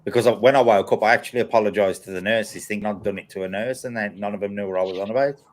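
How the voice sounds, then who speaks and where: A man with a fairly deep voice hosts a casual chat. He tells personal anecdotes in a blunt, repetitive way, as if talking to regular followers. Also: steady tone, very fast, a little hiss or hum. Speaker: host of a paranormal live chat.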